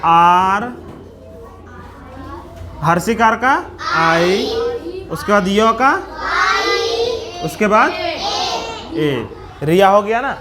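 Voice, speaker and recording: Bihari-accented man, primary-school teacher, slow and patient, breaks words into single sounds. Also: high voice, expressive, heavy background noise. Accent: Bihari Hindi. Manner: patient, spells out letters and sounds one by one. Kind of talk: slow classroom explanation for young children.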